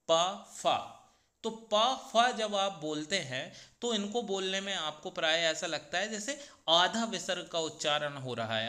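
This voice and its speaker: Man, teacher, slow deliberate delivery, bright tone, sounds out letters one by one. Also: high voice. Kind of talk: grammar lesson.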